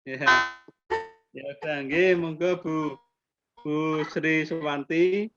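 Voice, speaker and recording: A Javanese-accented accreditation assessor in his fifties interviews teachers online, chatting in a friendly way and mixing in Javanese politeness words. His voice is on the high side, slow, and fairly even. The video call audio is muffled, with background noise.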